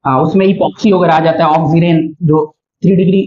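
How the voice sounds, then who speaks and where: A man's voice: on the high side, steady tone, fast talker, darkish tone. A male chemistry teacher giving a classroom lecture, explaining step by step and often checking in with his students. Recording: dull lo-fi recording.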